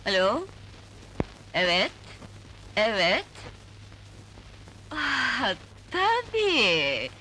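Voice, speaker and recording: An actress playing a polite, composed woman lawyer who speaks in a measured way. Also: fairly high pitch, pushed and bright, slight background noise, exaggerated voice, low-quality recording. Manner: courteous, measured.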